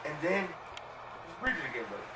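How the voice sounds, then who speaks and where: A man leading a bible study, reading scripture aloud and commenting in a loud, animated, profane way. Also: on the high side, brisk. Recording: roomy room, distant mic, background noise.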